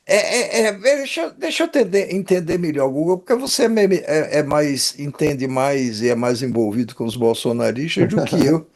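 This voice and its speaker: A man's voice: on the high side, expressive, moderate pace, hardly any pauses, darkish tone. A Brazilian man hosting a casual political discussion, stammering and circling back on his words. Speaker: talk show host.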